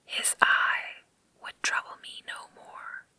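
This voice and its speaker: A woman whispers a story in a creepy ASMR style, breathy and unvoiced. Her delivery is extremely slow and deliberate, with crisp, sharp sibilance, very close and dry on the mic. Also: no echo. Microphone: close microphone.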